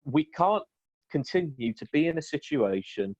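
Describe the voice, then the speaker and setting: A man's voice: fairly high pitch, sing-song, moderate pace, a little mellow, no echo, lo-fi sound. A British man in his early twenties, co-hosting a casual chat on a video call, opinionated and emphatic, often repeating himself. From Britain. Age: early 20s. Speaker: podcast co-host.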